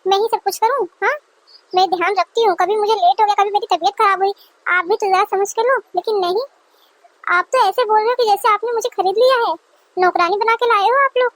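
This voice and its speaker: A woman's voice: very high-pitched, a little fast, fairly bright tone. A woman doing a defiant young wife. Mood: indignant. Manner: indignant, complaining.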